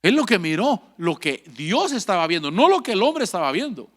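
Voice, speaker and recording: A man's voice: high-pitched, big pitch swings, a little fast. A man preaching a fervent sermon in as a pastor, repeating phrases and calling on the congregation to answer. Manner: fervent, repetitive preaching with call-and-response.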